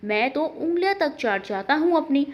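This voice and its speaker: A woman's voice: sits high, lively intonation, normal speed, highs cut off. A woman voicing a friendly young forest officer. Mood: fond.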